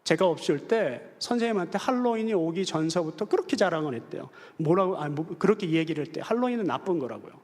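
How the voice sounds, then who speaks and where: Man pastor preaching, tells family stories all animated, does little voices, big echoey church. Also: sits high, fast, hardly any pauses. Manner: animated storytelling, acts out quoted voices with bits of English. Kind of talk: Sunday sermon with personal stories. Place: church sanctuary.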